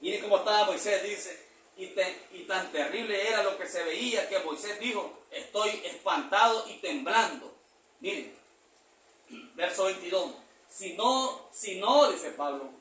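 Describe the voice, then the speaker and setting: High bright-voiced preacher in a church. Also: male voice, animated. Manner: reads verses slowly, repeats "hermano" often. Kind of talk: sermon. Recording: echoey church hall from far off.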